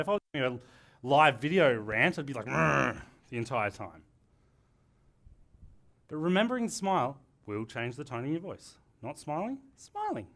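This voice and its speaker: A man presenting a live workshop lesson to a room, talking in an energetic, joking way. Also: fairly high pitch.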